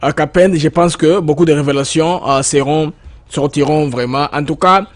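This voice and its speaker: Probing male interviewer, slightly high voice. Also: normal speed. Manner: probing, presses for details. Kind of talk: interview questioning.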